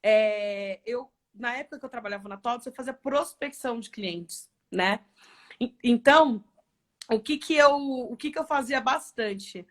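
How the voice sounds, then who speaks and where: Chatty woman executive, raised pitch. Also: measured pace. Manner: lively storytelling with frequent tag questions. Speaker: guest, e-commerce executive. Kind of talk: casual live interview chat.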